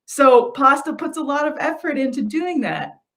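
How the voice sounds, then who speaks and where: A woman's voice: high-pitched, lively intonation, normal speed, a bit bright. A woman co-hosting a casual live stream, swearing freely, saying y'all and laughing often. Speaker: podcast co-host.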